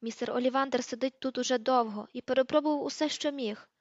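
Woman doing a dreamy teen girl, soft and light, high-pitched. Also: quick pace, no room sound. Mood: gentle. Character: dreamy gentle teenage girl prisoner. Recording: dull lo-fi recording.

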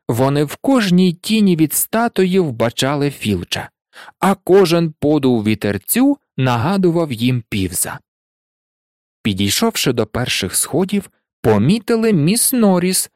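An animated audiobook narrator tells a fantasy story with a lively, swinging pitch. The voice sits in a middle register. The recording is close and dry, with no room sound. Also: measured pace, no echo. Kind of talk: scripted narration.

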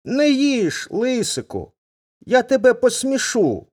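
A man's voice: very high-pitched, very animated, voice pushed up, exaggerated voice. A man voicing a small, anxious thrush in a storybook tale, answering eagerly and pleading. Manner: quick eager replies. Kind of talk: storybook reading.

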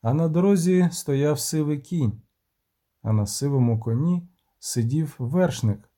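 A man narrating a fantasy audiobook with a steady, rhythmic delivery. His voice sits a little high for a man yet sounds very dark and mellow. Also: unhurried. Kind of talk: scripted narration.

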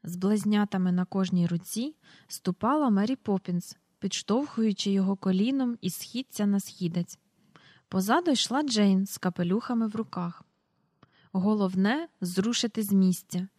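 A woman reads a children's storybook aloud in an even storytelling manner. Her voice sits at a medium pitch. The recording is close and dry, with no room echo. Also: normal speed. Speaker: audiobook narrator. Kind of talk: scripted narration.

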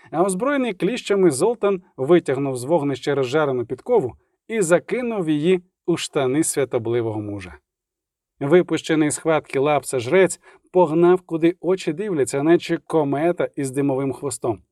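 A man reading an audiobook in steady, expressive scripted narration. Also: fairly high pitch, no echo, studio quality.

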